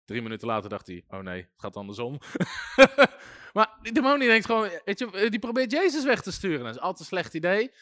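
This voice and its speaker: A man teaching a sermon-style Bible school class, telling stories with lively voices for shouting demons and chuckling often. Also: high voice, fast talker, few pauses, dry recording, clean studio sound.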